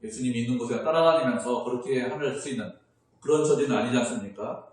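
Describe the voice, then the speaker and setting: A man's voice: medium pitch, quick pace. A man preaching a sermon as pastor, telling the story with rhetorical questions and acting out quoted lines. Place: church sanctuary. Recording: strongly echoey church sanctuary.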